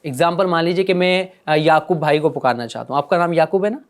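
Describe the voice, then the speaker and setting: A man teaching a religious lesson to children, gently coaxing them with repeated questions. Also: on the high side.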